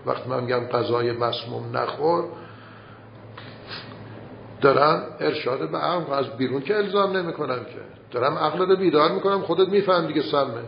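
A man with a gravelly, creaky voice delivers a conversational sermon, often posing rhetorical questions. His loudness rises and falls from phrase to phrase. The recording is roomy and a bit dull, with faint noise underneath. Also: mid-range voice. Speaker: cleric giving a religious talk.

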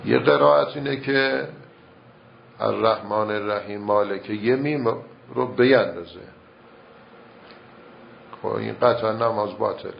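A man teaching recitation rules in a measured, step-by-step way, reciting verse examples as he explains. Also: mid-range voice, fairly even intonation, creaky. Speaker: religious teacher. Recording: muffled lo-fi recording with faint noise.

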